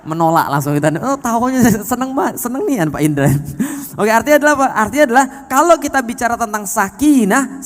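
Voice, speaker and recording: Male preacher, high-pitched and animated, questions the crowd, reverberant hall. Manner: lively, questions the audience often. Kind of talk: sermon.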